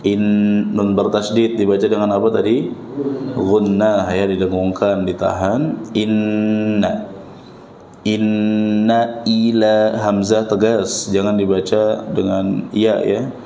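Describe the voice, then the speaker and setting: Brief: Indonesian male tajwid teacher, deliberate and unhurried, dark mellow tone, echoey mosque room. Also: lowish voice, creaky, slight background noise. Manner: patient, demonstrates pronunciation slowly and repeats drills. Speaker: Quran recitation teacher. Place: mosque hall.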